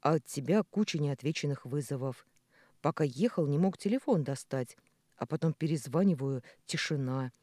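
Hot-headed jealous young man, gruff and blunt, read by a female narrator. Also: low voice, lively intonation, moderate pace, warm tone, dry recording, studio quality. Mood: weary. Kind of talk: audiobook character voice.

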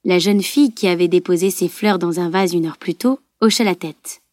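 A woman reading a novel aloud as audiobook narrator, calm and even. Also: fairly low pitch, normal speed, no echo, clean studio sound. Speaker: audiobook reader. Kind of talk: scripted narration.

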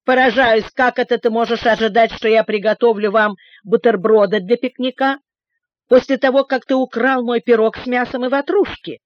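A woman's voice: medium pitch, normal speed, dry recording, lightly acted. A woman voicing a cranky, spiteful housekeeper who scolds indignantly, raising her voice. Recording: dull, dry recording.

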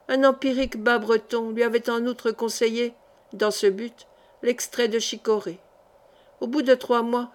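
A woman narrating a historical novel as an audiobook. Her reading is measured and expressive, in a fairly high voice.

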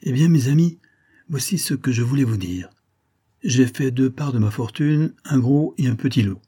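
A man's voice: medium pitch, animated, moderate pace, dark tone, slightly rough, voice pushed up. A man voicing an elderly general, a kindly but solemn patriarch who speaks firmly and formally.

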